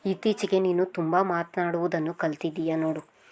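A woman's voice: lowish voice, level tone, normal speed, darkish tone, close to an everyday voice. A woman reading the part of a young man in love, hot-tempered and possessive, who talks insistently. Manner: insistent, pleading then angry.

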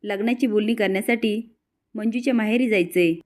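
A woman's voice: mid-range voice, steady tone, fairly quick, close to an everyday voice. A woman reading the lines of an angry mother who scolds her son and her mother-in-law. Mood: scolding. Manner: sharp, scolding.

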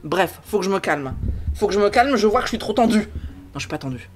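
A man's voice: high voice, lively intonation, fast talker. This is a man streaming a mystery game at his home computer, thinking aloud as he plays. He rambles and hesitates, fills gaps with fillers, restarts his sentences, and drifts off into jokey asides. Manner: jokey, self-talking, easily sidetracked. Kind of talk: live-stream gameplay commentary.

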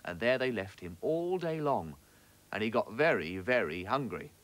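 A man reading a children's story aloud in an expressive, animated way. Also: lowish voice, normal speed.

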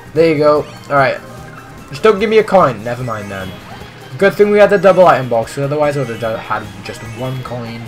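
Excitable teen boy with a cracking voice. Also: mid-range voice, fairly quick, faint music behind. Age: teens. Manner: excitable, chatty, prone to voice cracks. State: voice breaking with puberty. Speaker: gaming streamer. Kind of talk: live gameplay commentary.

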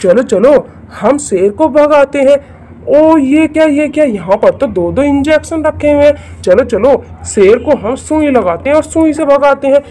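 A woman's voice: high voice, expressive, unhurried, dark tone. A woman narrating a toy doll play for children, exclaiming, repeating herself and speaking straight to the kids. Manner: exclaiming, repeats "look, look" and "very good"; addresses children directly. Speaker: storyteller for a toy channel.

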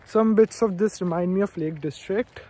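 A man in his 20s vlogs his travels to camera, outdoors and in a rented cottage, talking straight to viewers with eager enthusiasm. His voice is high and warm at a moderate pace, with slight background noise.

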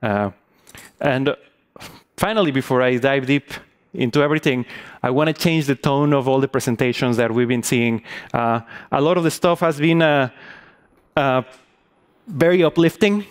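On a large stage, a thirtysomething Mexican man delivers a conference talk in a Mexican Spanish accent, leaning heavily on hesitant fillers. His mid-range voice is smooth, he talks at normal speed, and he pauses often.

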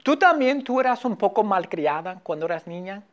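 A man teaching a beginner language class through a story, animated and prompting students to repeat after him. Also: high voice, normal speed. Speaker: Spanish teacher.

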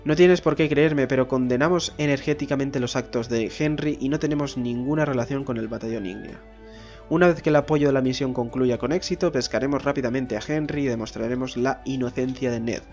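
A man's voice: mid-range voice, a little fast, a little mellow, highs cut off, soft background music. Man reading game dialogue. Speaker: gameplay commentator. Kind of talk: reading game dialogue aloud with casual asides.

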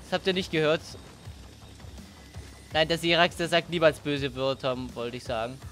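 A man narrating his gameplay, often yelling and cursing at enemies. His voice is high and bright. Faint music plays behind him. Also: normal speed. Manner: loud, swearing, explosive outbursts. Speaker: let's play gamer. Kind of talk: let's play commentary.

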